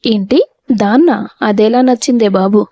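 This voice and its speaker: A woman's voice: on the high side, moderate pace, mellow, dry recording, lo-fi sound, natural voice. A woman voicing an outspoken young woman friend who worries over her crying roommate. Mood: concerned. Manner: outspoken, teasing. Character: young woman, blunt caring hostel friend.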